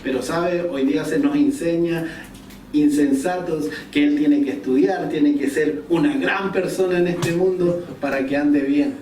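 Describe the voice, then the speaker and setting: Male preacher, mellow tone, storytelling sermon, distant mic with faint room noise. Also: on the high side, fairly even intonation, unhurried, reverberant. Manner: storytelling, asks the congregation questions. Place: church hall.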